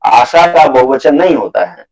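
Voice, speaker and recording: A man's voice: mid-range voice, a little mellow, poor audio. Man teaching a live online grammar class. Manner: patient, repeats points and lists examples slowly.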